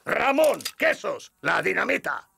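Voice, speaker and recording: A man's voice: high-pitched, very animated, measured pace, gravelly, bright, forceful tone, a little hiss or hum, exaggerated voice. A man voicing a pompous, hot-headed cartoon bandit chief with a theatrical Mexican Spanish accent. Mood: menacing. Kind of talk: animated cartoon acting.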